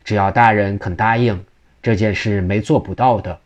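A man's voice: fairly low pitch, steady tone, moderate pace, highs cut off, lightly acted. A man voicing a cunning male secretary to an official, speaking insistently and pleading. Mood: earnest.

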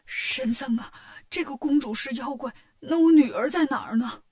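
A fond, fretful old king from a storybook, talking low and soft with a doting warmth, as a woman puts him on. The voice sits lower than her usual bright storytelling tone. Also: normal speed, lightly acted.

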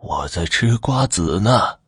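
A man voicing a sly hairy monster that poses as an old grandmother, speaking in a hushed, coaxing way. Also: lowish voice, animated, slow pace, breathy edge, dry recording, clean studio sound, pitched above the performer's own voice, heavily acted.

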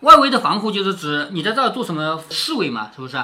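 Man, storyteller, explanatory, rhetorical questions, bright tone. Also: high-pitched, big pitch swings, quick pace. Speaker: father reading a classic novel aloud.

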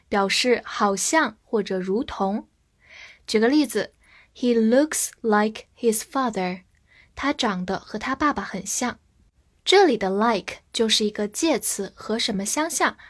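A woman teaching English vocabulary who spells each word letter by letter and reads the example sentences slowly. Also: medium pitch. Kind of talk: vocabulary lesson.

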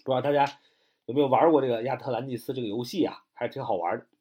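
Husky-voiced man teaching vocabulary. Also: mid-range voice, dark tone. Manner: spells words letter by letter, frequent filler "啊"; slows down to read English example sentences. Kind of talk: explanatory lesson.

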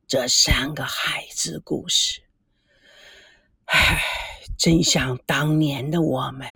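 Woman doing a calm, scheming older father. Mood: soft sigh. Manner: slow, soft, lowered voice.

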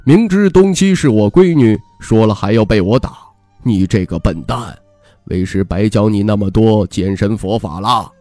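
A man voicing a teasing, sly middle-aged male monk who talks in a slow, mock-serious drawl. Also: on the low side, animated, dark tone, dry recording, faint music behind, pitched below the performer's own voice, natural voice. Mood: mock-stern.

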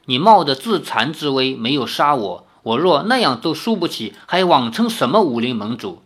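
A man voicing a stern aging martial arts leader who talks gravely and sighs heavily. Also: medium pitch, big pitch swings, normal speed, fairly bright tone. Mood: weary. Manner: heavy sighing, grave.

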